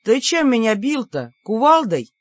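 Narrator doing a battered young demon guy, whiny and hotheaded, loud indignant outbursts, dry slightly dull audiobook sound. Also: mid-range voice, very animated, a little slow, no room sound, voice pushed up. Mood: groaning, indignant.

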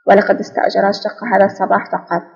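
A woman's voice: medium pitch, level tone, rapid-fire, creaky, slightly rough, in a large hall, muffled recording. A woman reading the lines of an eager male agent reporting news in an audiobook. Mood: triumphant. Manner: eager and triumphant. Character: triumphant male informant agent. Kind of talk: audiobook spy novel reading.

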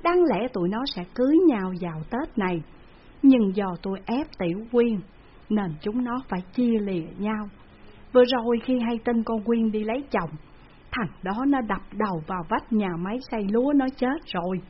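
A woman's voice: medium pitch, normal speed, husky, close to an everyday voice. A woman doing a distraught peasant father, wailing. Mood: pleading. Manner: pleading, wailing. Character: distraught middle-aged peasant father, desperate. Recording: dull lo-fi recording.

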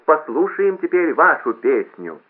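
A man voicing a brash male announcer booming over a loudspeaker, bossy and mocking, on a lo-fi line. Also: sing-song, a little slow. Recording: lo-fi phone-like audio.

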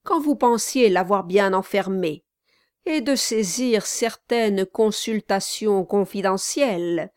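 A woman's voice: a little high, a little mellow, dry recording, studio quality. A woman voicing a formal, triumphant male notary who speaks firmly and emphatically, in an audiobook. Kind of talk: audiobook reading.

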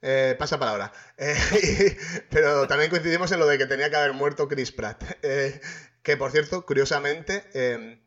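A man hosting a casual podcast, relaxed and joking. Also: a little high, moderate pace. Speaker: podcast host. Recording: dull lo-fi audio.

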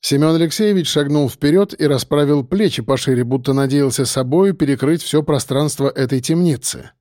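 A man narrating an audiobook with expressive, dramatic storytelling. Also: fairly high pitch, normal speed, no echo, clean studio sound. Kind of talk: scripted narration.

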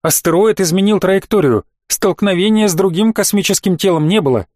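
A man reading the part of a dutiful male radar lieutenant who reports in a brisk, formal way. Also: high voice, a little mellow, dry recording, studio quality, pitched above the performer's own voice, natural voice.

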